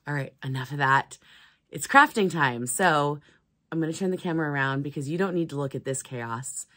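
Woman crafting vlogger, low voice, tired and unwell, rambling and self-deprecating, from her home craft room. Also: brisk, a bit bright. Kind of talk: casual chat to camera.

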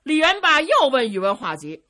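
A woman storyteller with a Beijing accent, telling a traditional tale in a lively, vivid way and switching between character voices. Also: high-pitched, normal speed. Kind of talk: traditional Chinese pingshu storytelling.

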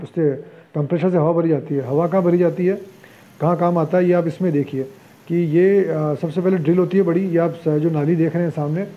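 A man's voice: a little high, dull audio. A man giving a walking tour of an open-pit marble mine, explaining step by step to his viewers with many fillers. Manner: explanatory, addresses viewers as friends, frequent fillers.

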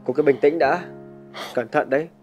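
A man playing a young company chairman and older brother, talking in a gruff, blunt way. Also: a little high, fairly even intonation, moderate pace, highs cut off, music in the background, lightly acted. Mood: placating. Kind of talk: web drama acting.

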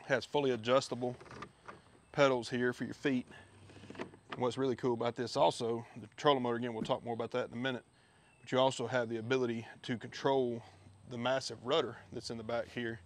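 A fishing video host with a gravelly, mid-range voice shows off his gear in a backyard, speaking briskly. His casual product walkthrough is relaxed and chatty, full of fillers, and his head-mounted action camera picks up a little hiss or hum.

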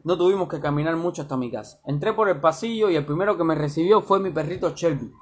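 A man reading his own first-person story aloud, lively and colloquial. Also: a little high, slightly rough.

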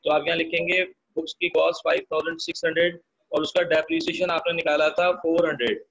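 Male teacher, higher voice, online class, walks through sums step by step and quizzes students. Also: flat delivery, fast talker, fairly bright tone, slightly rough, low-quality recording. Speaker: accounting teacher. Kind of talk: online accounting lesson.

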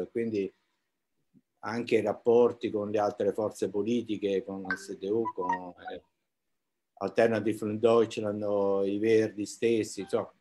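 A man's voice: fairly low pitch, mellow. A man hosting an informal live interview, with hesitant, roundabout phrasing. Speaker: interview host.

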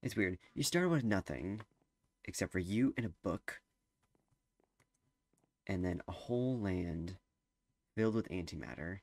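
A man's voice: deep voice, animated, unhurried, vocal fry, pauses often, no room sound. A teenage boy giving casual gameplay commentary, rambling and hesitant with lots of fillers. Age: teens. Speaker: gameplay streamer.

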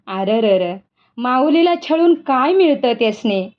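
A woman's voice: on the high side, expressive, slow. A woman voicing a simple, worried village farmer in rustic speech, in a dull lo-fi recording.

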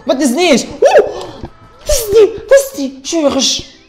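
A gaming streamer, animated and exclaiming, joking with the chat during live gameplay commentary. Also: very high voice, moderate pace, soft background music.

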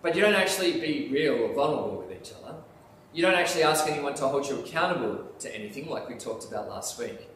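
Speaking fast in a mid-range voice, a pastor delivers an animated, strongly emphatic sermon before the altar of a church sanctuary. The audio, from a lapel mic with a far-off camera filming, has an echoey, distant church-hall sound and slight background noise.

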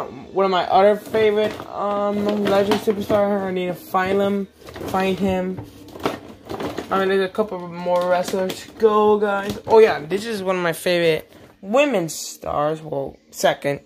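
A woman casually showing off her collection on camera, excitable and gasping often. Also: fairly low pitch. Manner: excitable, with frequent gasps and laughs. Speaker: vlogger showing a toy wrestling figure collection. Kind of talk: casual unscripted show-and-tell.

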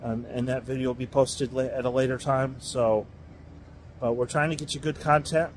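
A man's voice: medium pitch, little pitch movement, moderate pace, a little hiss or hum. A man filming a casual walking vlog as he tours a stadium, talking in an enthusiastic, rambling way and often correcting himself mid-sentence. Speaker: stadium tour vlogger. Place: outdoors in a large stadium.

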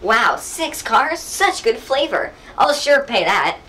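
A woman's voice: low-pitched, lively intonation, normal speed, heavy background noise. A woman playing a gullible hungry customer in a homemade comedy skit, reacting in an exaggerated, goofy way.

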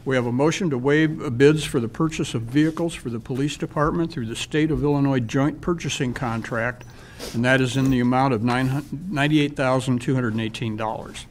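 A middle-aged man as mayor, chairing a town council meeting at a desk microphone and reading agenda items in a measured, businesslike way with frequent fillers. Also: medium pitch. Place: council chamber. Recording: faint hiss in a council chamber.

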